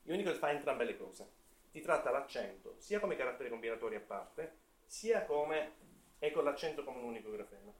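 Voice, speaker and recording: A man's voice: medium pitch, animated, normal speed. A man from Italy giving an academic talk on linguistics to a class, thinking aloud, with fillers and self-corrections. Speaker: seminar presenter.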